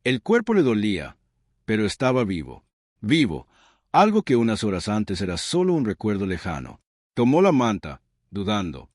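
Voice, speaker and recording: A solemn male narrator with a low, lively-inflected voice, telling a dramatic scripted story. His delivery rises and falls widely through the phrases. The recording is dry and close, with no room sound. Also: moderate pace, no room sound.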